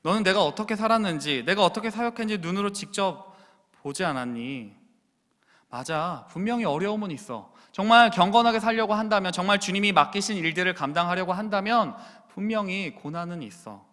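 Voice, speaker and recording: A preacher putting on an old apostle talking to his young disciple like a father, earnest and pleading, with a fairly high voice that rings out through a big reverberant church. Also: brisk, a bit bright. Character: the aged apostle Paul, a man urging his young disciple.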